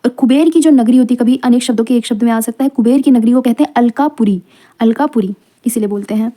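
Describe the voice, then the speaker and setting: A woman teaching an exam-prep lesson, reading out long lists of words one by one with quick explanatory asides. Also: fairly high pitch, warm tone.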